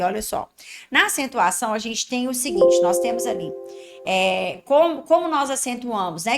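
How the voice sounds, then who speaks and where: Gravelly Brazilian woman teaching grammar. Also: fairly high pitch. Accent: Brazilian Portuguese. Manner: explains patiently, checks in with "tá?" and "né?"; acts out a student's thoughts. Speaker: Portuguese language teacher. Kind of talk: exam-prep lesson.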